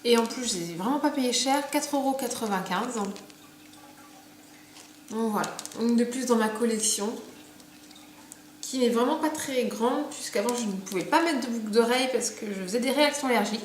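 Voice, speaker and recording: A woman's voice: a little high, normal speed. A young woman chatting casually about her purchases, full of fillers and restarts, recorded at home. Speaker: beauty vlogger. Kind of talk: casual haul video chat. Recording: echoey room, faint background noise.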